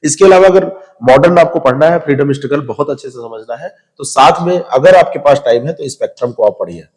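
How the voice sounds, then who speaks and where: A man's voice: a little high, expressive, quick pace, a little mellow, big-room sound. A man giving direct, informal advice on which books to study for a civil service exam. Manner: direct, advising, addresses viewers as you. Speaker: exam prep teacher.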